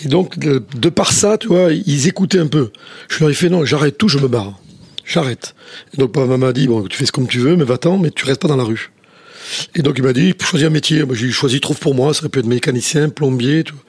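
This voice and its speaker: A middle-aged chef from southwest France with a southwest French accent, telling stories in a rambling way with many restarts. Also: male voice, medium pitch, a little fast, a little mellow, slightly rough. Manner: rambling, many restarts, says "tu vois" often. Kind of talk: casual interview storytelling.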